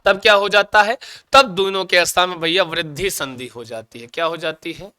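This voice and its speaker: Guy teaching sanskrit grammar for exams, high clear voice, keeps asking then answering his own questions. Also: normal speed, bright, forceful tone, dry recording. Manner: calls students "bhaiya" and "ji". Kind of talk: exam coaching lecture.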